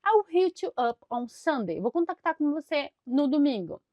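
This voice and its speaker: A woman with a Brazilian Portuguese accent giving a conversational English lesson. She explains chattily and repeats English phrases slowly and deliberately. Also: high voice, very animated, no room sound, muffled recording. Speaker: English teacher.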